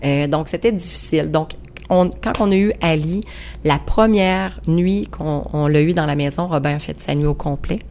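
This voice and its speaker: A low-pitched, middle-aged woman with a Quebec French accent tells her family's story in an earnest, detailed way. She speaks at a studio microphone, with a faint hiss underneath. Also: normal speed, a little mellow. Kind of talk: recounting personal experience in an interview. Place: radio studio.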